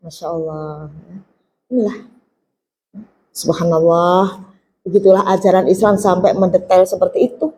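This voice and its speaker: A woman's voice: on the low side, unhurried, pauses often, slight background noise. A middle-aged woman giving a religious talk to a group of women, telling stories with acted-out dialogue and asking her listeners questions. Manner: lively storytelling, acting out dialogue, asking the audience questions. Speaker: preacher.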